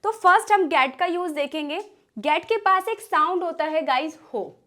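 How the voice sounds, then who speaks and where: A woman teaching English grammar in Hindi, saying each English example sentence slowly and repeating her points patiently. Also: very high voice, animated, a bit bright. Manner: repetitive, patient explaining. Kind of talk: bilingual grammar lesson.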